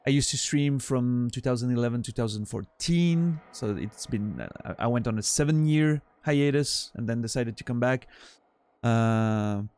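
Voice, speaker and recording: With a mid-range, animated voice that's a little mellow, clear and resonant, he talks at a moderate pace, recorded without echo. He's a Swiss French-accented man of about forty from French-speaking Switzerland, chatting loosely with his stream, rambling, deprecating himself and trailing off with fillers.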